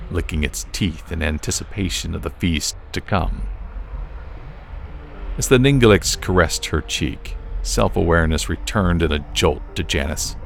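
Man, audiobook narrator, very deep voice, gravelly, slow and measured, faint music. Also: a little hiss or hum. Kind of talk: scripted narration.

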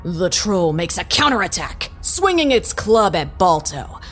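A woman's voice: on the low side, big pitch swings, a little slow, a bit bright, soft background music, full character voice, poor audio. A woman playing a game master in an audio drama, narrating theatrically with flustered asides.

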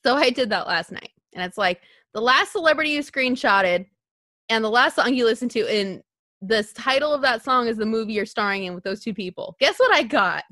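A woman's voice: a little high, animated, a little fast, bright, forceful tone, dry recording. A woman co-hosting a podcast in casual chat, reacting with awkward laughter. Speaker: podcast co-host.

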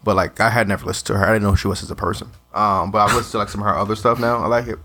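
A man's voice: on the low side, flat delivery, very fast, pushed and bright, a little hiss or hum. A young man co-hosting a podcast, talking casually and hesitantly, with many ums. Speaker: podcast co-host. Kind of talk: casual chat.

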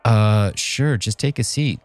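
A man's voice: fairly low pitch, slow pace, dry recording, voice pushed up. A man playing a somber, hesitant middle-aged barber in a script reading. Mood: unsure. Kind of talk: comedy script table read.

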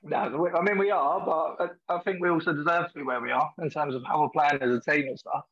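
Fast-talking Essex man, matey and casual. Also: on the high side, steady tone, fairly bright tone, slightly rough, muffled recording. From Essex, England. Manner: matey, colloquial. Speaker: podcast guest, former academy footballer. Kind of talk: casual interview chat.

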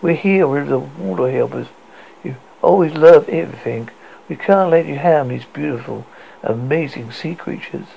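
A man's voice: a little high, moderate pace, creaky, dark tone, slightly rough, exaggerated voice, low-quality recording. A man voicing an earnest, scruffy male activist leader pleading with a crowd.

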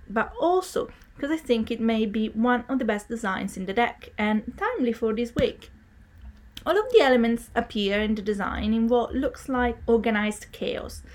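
A woman hosting a podcast with scripted narration, in a girlish anime-girl voice and a perky, excitable manner. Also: a little high. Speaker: podcast host.

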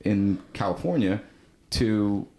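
A man's voice: lowish voice, animated, slow pace, mellow. A man in his thirties from New Jersey, a podcast guest telling a long story in a casual, rambling way, full of filler words.

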